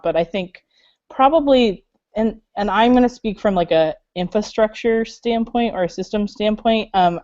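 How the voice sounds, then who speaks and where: This woman, a library makerspace staff member, laughs and rambles with many fillers in a casual video call. Her mid-range voice is slightly mellow with no room sound, carried over dull, lo-fi call audio.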